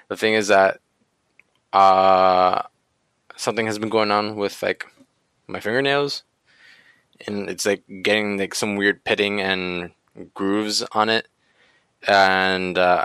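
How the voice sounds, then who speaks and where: Slow, low-voiced man chatting hesitantly. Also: steady tone, fairly bright tone, clear, resonant tone, dry recording. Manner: hesitant, many ums and likes. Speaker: podcast host. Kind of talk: casual chat.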